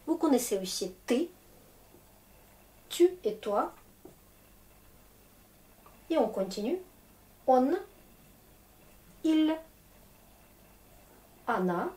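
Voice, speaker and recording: Slow, clear woman teacher. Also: on the high side, lively intonation, a little mellow. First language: Russian. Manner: patient, explains step by step with checks like "oui". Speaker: Russian teacher. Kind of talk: slow, clear language lesson.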